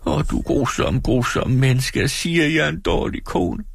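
A man voicing a childish young wife who is sweet, sulky and quick to tears, in a high plaintive voice. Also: breathy edge, no echo, clean studio sound, close to an everyday voice. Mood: wounded, plaintive. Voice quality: high pleading girlish voice.

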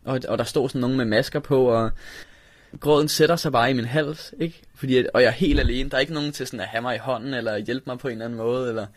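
A young man from Denmark telling a personal story, halting, with many restarts and fillers. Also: mid-range voice, fairly even intonation, no echo. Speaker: interviewee telling his story. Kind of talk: personal recollection.

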